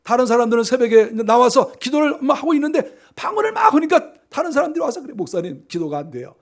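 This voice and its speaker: A man's voice: very high voice, fast. A middle-aged man preaching a sermon as pastor, telling stories and acting out the voices of church members. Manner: animated storytelling, acting out quoted church members.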